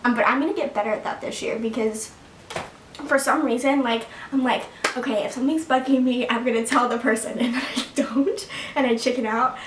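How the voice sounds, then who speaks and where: A seventeen-year-old girl vlogs to her viewers from home in a casual sit-down chat to camera, rambling with plenty of fillers and little laughs. Her voice sits on the high side, with a steady tone and a fairly quick pace. The mic is set back in an echoey room, picking up a little hiss or hum.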